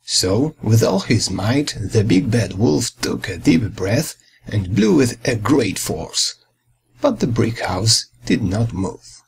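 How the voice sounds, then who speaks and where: As a storyteller, a man reads a children's fairy tale slowly, his husky, gravelly voice fairly low in pitch. The telling is dramatic and expressive, though the recording quality is poor.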